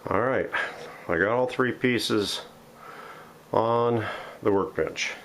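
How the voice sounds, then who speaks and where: Speaking slowly in a low, slightly bright voice, a man hosts his vintage radio restoration channel with an unscripted, casual workshop show-and-tell. His style is folksy and self-deprecating. It is recorded at home indoors on a camera mic, with a little hiss or hum.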